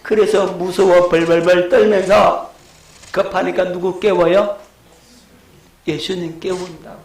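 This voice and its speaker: A man's voice: high-pitched, little pitch movement, measured pace, roomy sound, poor audio. A middle-aged male pastor, preaching a lecture-style sermon and asking his congregation questions. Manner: rhetorical questions to the congregation, shouting acted quotes.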